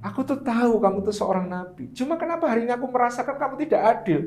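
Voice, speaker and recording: A man's voice: very high voice, animated, rapid-fire, a little mellow, pitched above the performer's own voice. A man voicing a jealous, angry young wife who complains indignantly. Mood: aggrieved. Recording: roomy echo.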